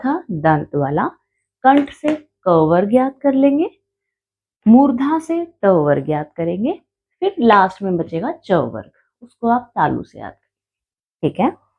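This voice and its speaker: A woman's voice: medium pitch, breathy edge, narrow, tinny audio. A woman teaching a Hindi grammar lesson, explaining patiently, sounding out letters one by one and checking in with her students. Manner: explains patiently, repeats letters aloud and checks in with "theek hai"; addresses students as "beta".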